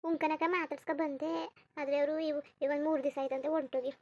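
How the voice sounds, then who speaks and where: This is a gentle, lonely teenage village girl from a cartoon, voiced by a woman. She speaks softly and plaintively. Her voice sits high and rather flat, and she talks quickly. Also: lightly acted. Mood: dejected. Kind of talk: cartoon voice acting.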